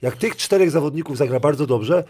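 A man's voice: fairly high pitch, a little fast, darkish tone, husky. A middle-aged man who coaches youth basketball, chatting casually about a match, rambling with restarts and fillers. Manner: rambling, restarts, laughs often. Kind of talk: casual sports chat.

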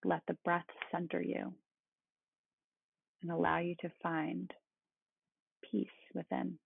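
A meditation guide speaking in a calm, meditative tone with a husky, creaky voice. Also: medium pitch, slow. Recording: roomy, phone-like thin sound.

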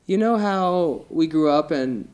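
A man's voice: fairly high pitch, expressive, slow pace, a little mellow, clear, resonant tone. Earnest young man rambling on a podcast. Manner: earnest, emotional, rambling with frequent restarts. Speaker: podcast co-host. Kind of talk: casual chat.

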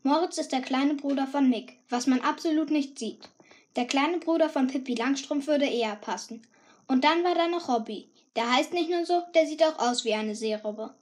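High-voiced woman narrating a cheeky story. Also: normal speed. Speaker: audiobook narrator. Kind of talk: scripted first-person narration.

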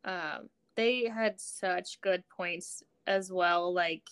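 Relaxed woman guest saying "like" a lot. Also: fairly low pitch, very slow, clean tone. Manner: relaxed, heavy use of "like" fillers. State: postpartum mother. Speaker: guest, chiropractor. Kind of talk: casual podcast chat.

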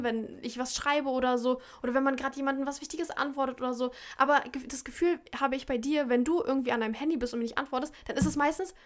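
Very high-voiced young woman, blunt. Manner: blunt, impatient, laughs often. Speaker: vlogger. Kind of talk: casual chat.

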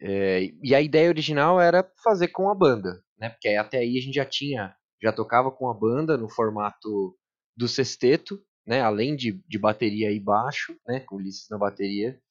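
A man's voice: medium pitch, moderate pace, highs cut off. A man with a Brazilian Portuguese accent in casual podcast chat, explaining things in slangy everyday speech as a guest musician.

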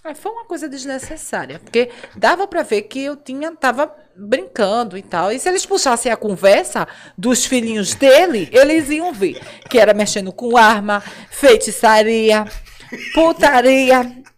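A woman's voice: a little high, animated, normal speed. A young woman hosting a podcast in casual chat, frank and laughing often. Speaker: podcast host.

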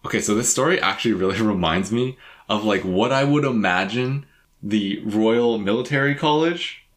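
A man's voice: lowish voice, normal speed. A man co-hosting a casual chat, joking a lot and laughing often, with many "like" fillers. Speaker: podcast co-host.

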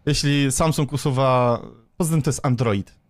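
A man's voice: medium pitch, normal speed, no echo, clean studio sound. A man hosting a podcast, talking casually about tech in a conversational way. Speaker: podcast host.

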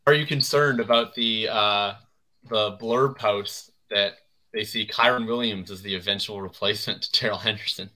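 Male podcast host, very bright tone, easygoing chat with ready laughs. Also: on the low side, fairly even intonation, moderate pace. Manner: chatty, laughs easily. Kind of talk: casual fantasy football chat.

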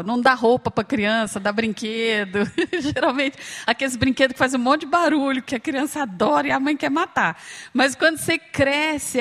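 A woman's voice: sits high, a bit bright. A woman from Brazil giving a humorous, storytelling sermon, playfully acting out the voices of the people she quotes. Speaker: speaker at a church gathering. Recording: long hall reverb.

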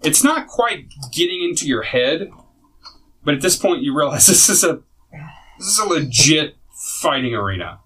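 A man's voice: on the high side, very animated, normal speed, sharp tone, poor audio. A man narrating a tabletop game as game master, casual and rambling, with many fillers and small laughs.

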